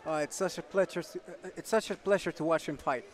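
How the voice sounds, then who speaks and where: A man co-commentating on boxing casually, excitable and often repeating his phrases. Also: on the high side, fairly quick. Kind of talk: casual live sports commentary.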